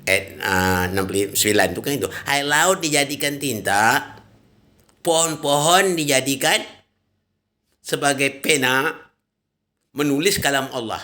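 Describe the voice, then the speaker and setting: A man's voice: mid-range voice, unhurried, long pauses, pushed and bright. A man giving an informal religious talk, emphatic and colloquial, with frequent "ya" and "nah" tags. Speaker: religious preacher.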